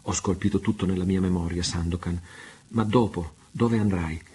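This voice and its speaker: A man's voice: deep voice, fairly even intonation, normal speed, dark tone, husky. A man reading aloud the lines of a devoted, anxious young noblewoman. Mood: earnest. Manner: pleading, tender.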